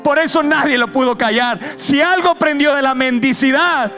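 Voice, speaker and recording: A man's voice: extremely high pitch, moderate pace, sharp tone. A man preaching a sermon as guest preacher, with impassioned, repetitive exhortation. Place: church service. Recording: guitar music behind.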